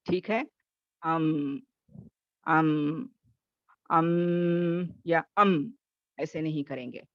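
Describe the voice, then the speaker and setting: A woman's voice: fairly low pitch, no echo, highs cut off. A woman teaching a Tajweed class online, explaining patiently and checking in often with her students.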